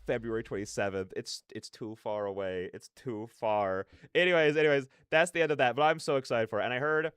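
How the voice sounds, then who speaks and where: His mid-range voice is a bit bright, clear, and resonant, captured dry with clean studio sound. This livestreamer, a reaction host, gabs casually and animatedly with viewers, offering slangy, rambling opinions.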